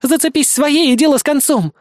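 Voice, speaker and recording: A man voicing an anxious young woman fighter in an audiobook, in a high, indignant manner. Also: fairly quick, no echo, clean studio sound. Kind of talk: audiobook character voice.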